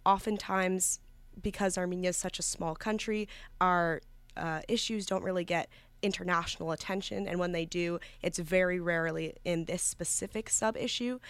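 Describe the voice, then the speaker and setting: A woman's voice: lowish voice, clear, resonant tone, no echo. Earnest young woman from New York. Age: young adult. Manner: earnest, many fillers and restarts. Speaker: student guest. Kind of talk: casual interview.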